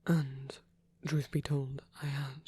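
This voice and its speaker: In an ASMR roleplay, a man plays a gentle, protective vampire priest, offering a tender, regretful confession in a soft, breathy whisper. His medium-pitched, level voice is hesitant and earnest, captured on a close mic with dry sound.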